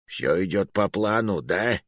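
A man voicing a fat, jittery male schemer who turns shrill and hysterical when frightened. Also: expressive, measured pace, no room sound, studio quality. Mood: nervous whisper.

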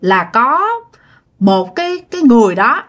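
Lively Southern Vietnamese woman telling ghost stories. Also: on the high side, a little slow. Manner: chatty, addresses listeners directly. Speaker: storyteller. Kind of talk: ghost story narration.

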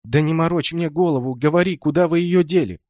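A man voicing an angry, tearful young girl who shouts and accuses. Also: fairly high pitch, fairly quick, no room sound, studio quality, voice pushed up, close to an everyday voice. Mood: furious.

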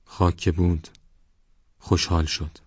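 A man's voice: flat delivery, a little mellow, slightly rough, no echo, dull audio. A man doing a thick-voiced, terse burly man. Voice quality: thick, low voice. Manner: terse, few words, muttered. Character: huge burly taciturn man, gentle.

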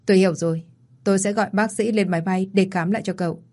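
A woman narrating a romance story in the first person, reading every character's lines in her own even voice. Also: mid-range voice, fast talker. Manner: reads all the parts in one even voice. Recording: soft music behind the voice.

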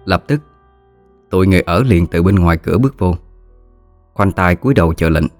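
A man narrates a spoken story in a measured, dramatic manner. His voice is very low and sits dry and close, with faint music underneath. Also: expressive, darkish tone, dry recording.

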